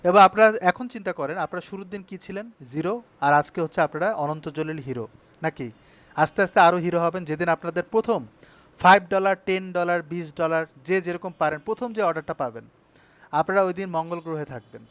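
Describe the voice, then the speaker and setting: Male instructor, high voice, brisk tutorial delivery with frequent check-ins to the class. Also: fairly bright tone, dry recording. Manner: brisk, checks in with students often. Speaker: web design instructor. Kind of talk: live online class tutorial.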